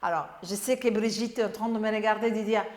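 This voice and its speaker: A woman instructor leading a Pilates workout, upbeat, giving brisk exercise and breathing cues. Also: mid-range voice. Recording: echoey room with long reverb.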